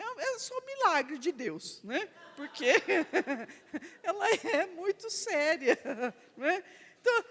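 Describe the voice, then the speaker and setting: Woman pastor, high voice, lively storyteller who laughs while preaching; long church reverb. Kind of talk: sermon.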